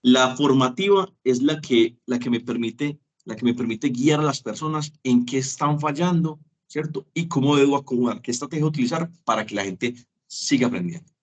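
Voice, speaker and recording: At a moderate pace and medium pitch, a man leads a teaching session by web conference. He's chatty and illustrates points by acting out small conversations.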